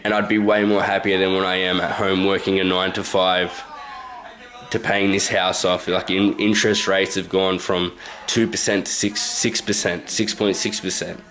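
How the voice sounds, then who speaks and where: Low-pitched and a bit bright, this Australian vlogger in his twenties speaks at a normal pace with little pitch movement. Indoors at home, he rambles through a casual story to his handheld camcorder, chuckling and correcting himself often, and the audio is poor.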